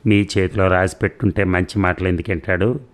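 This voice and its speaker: A man's voice: low-pitched, level tone, a little fast, lightly acted. A man voicing a flustered, nervous male new doctor who stammers and panics.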